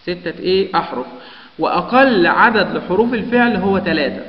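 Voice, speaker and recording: High-voiced man teaching grammar. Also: fairly quick. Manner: explains step by step, lists example words one by one. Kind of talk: Arabic grammar lesson. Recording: echoey, dull lo-fi room recording with long reverb.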